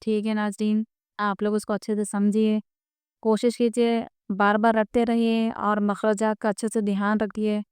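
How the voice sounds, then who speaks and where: A woman teaching Quran reading in a slow spoken lesson, patiently drawing out words to show their pronunciation and checking often that the viewer follows. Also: mid-range voice, flat delivery, darkish tone, clean tone, no room sound, clean studio sound. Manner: asks "theek hai?" often.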